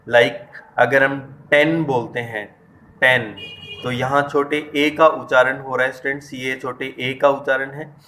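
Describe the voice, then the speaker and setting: A man's voice: mid-range voice, fairly bright tone. A man teaching English vowel sounds, explaining step by step, stressing example words and often correcting himself. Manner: explains step by step and addresses students directly; frequent hesitations and self-corrections. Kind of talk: online lesson.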